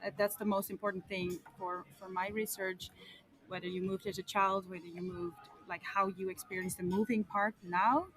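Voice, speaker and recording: A woman's voice: mid-range voice, level tone, moderate pace, a bit bright, slight background noise. A woman from the Netherlands, a researcher asking interview questions hesitantly and repeating words. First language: Dutch.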